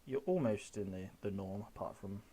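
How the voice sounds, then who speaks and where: Guest, man with a low voice, halting chat full of ums, light background hiss. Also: warm tone. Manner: hesitant, filler-heavy. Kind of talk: casual chat.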